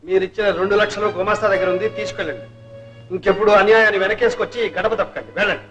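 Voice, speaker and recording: Firm, curt young guy, highish and quick, faint music. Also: fairly even intonation, a bit bright. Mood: stern. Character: stern, principled young man, the cousin. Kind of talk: 1970s Telugu film acting.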